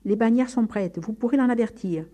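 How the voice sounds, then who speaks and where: A woman's voice: medium pitch, lively intonation, brisk, breathy edge. Woman doing a furious blustering father. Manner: shouting, demanding, threatening. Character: furious hot-tempered middle-aged father, blustering.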